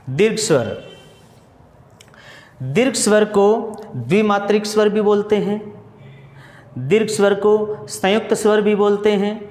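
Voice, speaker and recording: A man's voice: high-pitched, darkish tone. A male teacher giving a grammar lesson for exam students, explaining step by step, asking questions and answering them himself, and repeating key points. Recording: echoey room with long reverb.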